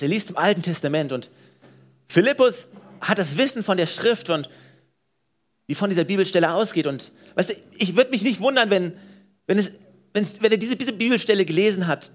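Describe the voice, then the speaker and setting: A man preaches a sermon in church. His voice sits high for a man, and his delivery is lively and emphatic. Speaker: pastor. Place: church service.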